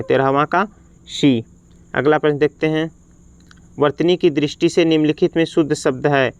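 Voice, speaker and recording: Clear-voiced man teaching exam questions. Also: a little high. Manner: reads each question and its options, then gives the answer. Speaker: Hindi teacher. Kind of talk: exam practice lesson.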